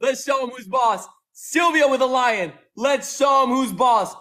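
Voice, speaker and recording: A man hosting a livestream, repeating phrases and shouting countdowns to rally his viewers. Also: very high-pitched, measured pace. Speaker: livestream host. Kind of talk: hyping viewers during a live battle. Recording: echoey room with faint music.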